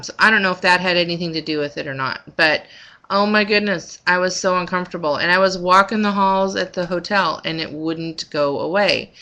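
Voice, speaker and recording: A woman with a slightly low voice and a bright, forward edge talks casually as if to followers of her vlog. She speaks in a halting way, often trailing off and rewording as she explains. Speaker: vlogger recounting her recovery from surgery. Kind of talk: casual personal vlog monologue.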